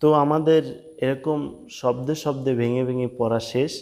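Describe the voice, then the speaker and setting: A man teaching a prayer recitation step by step, drawing out the Arabic words in a slow chant and spelling out letters and vowel marks between brisk explanations. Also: medium pitch, steady tone, darkish tone. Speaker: religious teacher.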